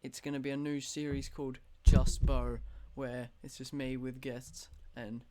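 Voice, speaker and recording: A teenage boy hosting a casual podcast chat, excitable and swearing casually. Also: mid-range voice, unhurried, slight background noise. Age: teens. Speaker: podcast host.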